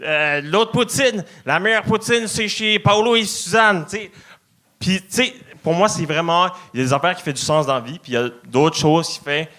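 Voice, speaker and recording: A man's voice: a little high, normal speed, fairly bright tone. A young Quebec French man doing his first stand-up set, nervous and hesitant, with many fillers. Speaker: stand-up contestant.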